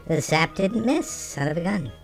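A game streamer talking through a voice changer that shifts the pitch, chatting casually with viewers while playing. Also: lively intonation, normal speed, loud music behind the voice. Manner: chatty, talks to chat between game actions. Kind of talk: casual let's-play chat with viewers.

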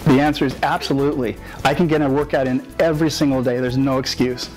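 A man's voice: medium pitch, steady tone, fast, faint music behind, poor audio. A man giving an enthusiastic product testimonial. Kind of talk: testimonial interview.

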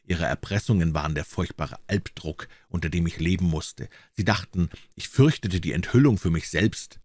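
A man voicing a cold, vengeful man who talks in a calm, controlled and threatening way. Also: low voice, moderate pace, no room sound, studio quality. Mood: menacing.

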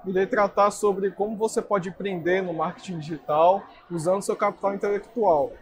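A man's voice: sits high, fairly even intonation, normal speed, noisy background. A young man, earnestly explaining marketing as an interview guest at a fair booth. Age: young adult. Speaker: guest speaker. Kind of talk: interview answers. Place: indoor trade fair booth.

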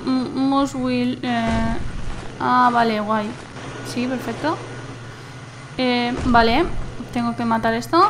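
A woman from commenting as she plays a video game, excitable, squealing and humming to herself. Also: sits high, noisy background. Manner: excitable, squeals and shouts at surprises, hums to herself. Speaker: gameplay commentator. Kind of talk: gameplay commentary.

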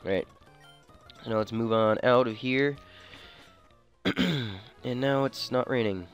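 A man's voice: medium pitch, slow, smooth, highs cut off. A man giving casual gameplay commentary, thinking aloud in informal, slangy language. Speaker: gamer commentating a playthrough. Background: video game music.

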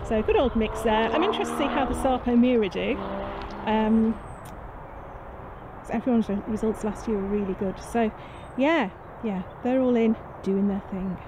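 A British gardening vlogger with a slightly high voice, speaking at a normal speed, gives a chatty, rambling and self-deprecating tour of her allotment garden and greenhouse. She's filmed on a handheld camera, and its built-in microphone catches plenty of outdoor noise.

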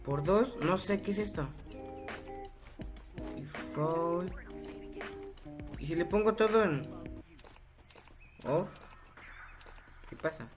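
A man's voice: sits high, expressive, measured pace, pauses often, over music. A young man giving casual, self-mocking gameplay commentary, chatty and laughing often. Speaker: gaming YouTuber.

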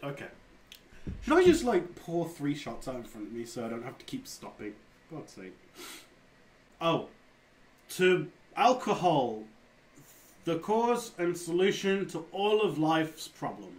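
A man's voice: fairly high pitch, sing-song, measured pace, long pauses, low-quality recording. A man in his thirties giving exasperated, sweary gameplay commentary as he gets drunker. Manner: exasperated outbursts mixed with swearing; getting drunker while playing a drinking challenge. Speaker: gaming video host. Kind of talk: live gameplay reaction commentary. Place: indoors at a computer. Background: game music.

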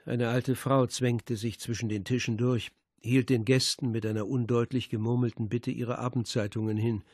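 A man reading a crime novel aloud as an audiobook, in steady, measured narration. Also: medium pitch, dry recording, studio quality. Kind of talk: scripted narration.

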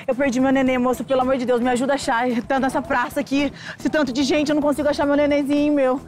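A woman's voice: high voice, level tone, racing, a little mellow, faint music behind. A woman in a street prank acting as a desperate mother who lost her baby, pleading breathlessly and overdramatically outdoors. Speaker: prank actress playing a frantic mother. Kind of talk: hidden-camera prank acting. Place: outdoors in a busy public square.

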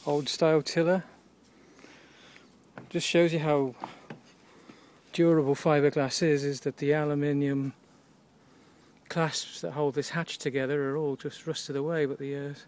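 A man giving a relaxed, offhand walkthrough of his boat, pausing with the odd uh, recorded on a handheld camera in a shed and a small cabin. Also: fairly high pitch, a little hiss or hum, poor audio. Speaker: boat owner giving a tour. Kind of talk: casual walkthrough narration. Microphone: handheld camera or phone.

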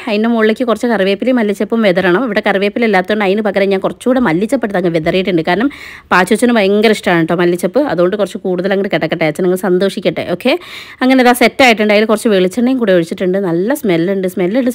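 A woman's voice: mid-range voice, rapid-fire. A woman chatting casually to viewers while cooking at home, filmed on a handheld phone. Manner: chatty, addresses viewers as guys. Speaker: vlogger and mother. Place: home kitchen and living room.

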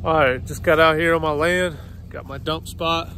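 Bright-voiced man vlogging outdoors. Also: fairly high pitch, moderate pace. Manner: relaxed, folksy, says y'all. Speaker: vlogger running dumpster rentals and a tree service. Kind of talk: casual vlog narration. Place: outdoors at a job site and open land. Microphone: phone camera held at arm's length. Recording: outdoor phone audio with faint background noise.

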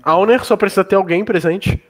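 A man in a casual online programming meeting, proposing solutions in a matter-of-fact way. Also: high voice. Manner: quick, matter-of-fact suggestions. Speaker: coding dojo participant. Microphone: home computer mic on video call.

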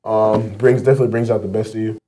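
Young man, quick flat postgame talk. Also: slight background noise, low-quality recording. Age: young adult. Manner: low-key, fillers like um and uh. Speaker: college basketball player. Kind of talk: postgame interview answers. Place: press room in front of a team backdrop.

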